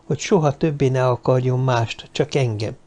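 A man's voice: medium pitch, a little mellow, natural voice. A man voicing a seductive, commanding middle-aged woman who speaks in a sultry whisper in an audiobook. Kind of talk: audiobook character voice.

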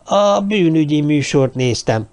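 Know-it-all dwarf, eager and puffed up, a bit higher, voiced by a male storyteller. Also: expressive, darkish tone, clean tone, close to an everyday voice. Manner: eager, self-important. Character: young dwarf man, know-it-all and gossipy.

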